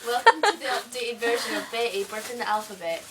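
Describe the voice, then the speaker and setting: A woman's voice: a little high, fast, a crowd in the background. A woman chatting casually and playfully, recorded from a distance with heavy noise. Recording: distant mic, very noisy room recording.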